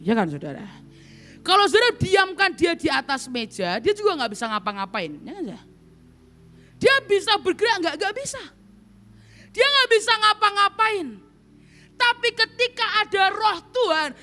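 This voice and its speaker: A woman evangelist preaching a sermon in a church, telling a story and speaking directly to the congregation again and again. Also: sits high. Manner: animated, often addresses the congregation directly. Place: church hall. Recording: long hall reverb, faint music.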